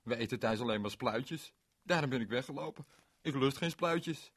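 A man's voice: mid-range voice, normal speed, fairly bright tone, dry recording. A man voicing a tired, sulky young boy who has run away from home, in a children's story. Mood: earnest.

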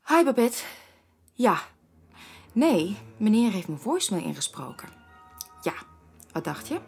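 A woman in her thirties, a mother, speaking in film dialogue in a lively manner that turns indignant easily. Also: medium pitch, vocal fry, husky, faint music behind. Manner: lively, quick to get indignant. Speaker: mother and voice actress.

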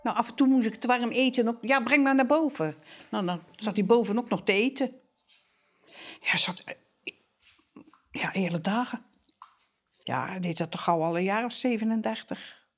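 A woman's voice: medium pitch, moderate pace, long pauses. An older woman, a widow, talking plainly and wistfully in a candid documentary interview, sometimes dropping almost to a whisper. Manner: plain-spoken, wistful, drops to a near-whisper at times.

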